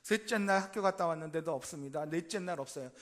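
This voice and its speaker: Male pastor, high voice, dramatic sermon delivery with loud-soft swings, questions the congregation. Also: fast. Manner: dramatic, acts out quoted speech with big swings in loudness.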